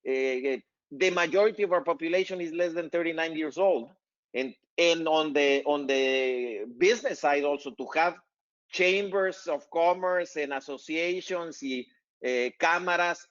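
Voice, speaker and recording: A man's voice: fairly high pitch, a bit bright, highs cut off. Fifty-something man. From northern Mexico. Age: 50s. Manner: measured, with frequent "uh" fillers. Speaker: company CEO and host. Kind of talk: casual panel chat.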